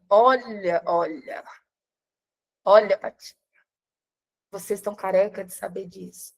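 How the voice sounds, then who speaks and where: A woman from Brazil running a live-stream coaching talk, animated, calling on viewers by name and shifting between soft asides and loud stresses. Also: mid-range voice. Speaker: relationship coach.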